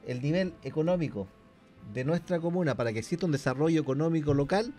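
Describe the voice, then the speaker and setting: A man's voice: fairly high pitch, animated, fast talker, dark tone, soft background music. A Chilean man co-hosting a podcast, explaining his views in casual discussion and laying out points one by one. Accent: Chilean Spanish. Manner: explanatory, lists points steadily. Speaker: podcast co-host.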